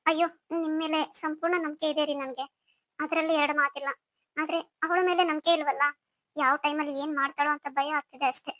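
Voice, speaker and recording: Brief: woman as anxious pregnant young wife, high bright voice, soft and pleading. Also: flat delivery, fast, dry recording. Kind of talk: melodramatic audio story acting.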